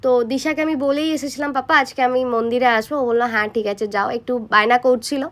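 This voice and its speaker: A young adult woman with a high voice narrates her day as a casual vlog. She talks straight to her viewers in a chatty, everyday way, like a mother telling a friend about her errands. Her delivery is fairly quick. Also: a bit bright. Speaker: mother vlogger.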